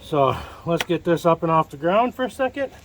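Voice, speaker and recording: A man with a slightly raised voice talks casually through his work in a workshop, easygoing and thinking out loud. His breath grows heavy with effort now and then. A faint hiss of noise sits under the recording. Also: a little high, brisk. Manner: relaxed, talks to himself while working, breathes hard from effort. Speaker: DIY builder vlogging his project. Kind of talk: casual self-narration while working.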